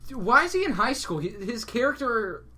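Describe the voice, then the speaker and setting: A man's voice: very high voice, sing-song, a little fast, pushed and bright. A young man co-hosting a podcast in casual chat, laughing often and swearing freely. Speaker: podcast co-host.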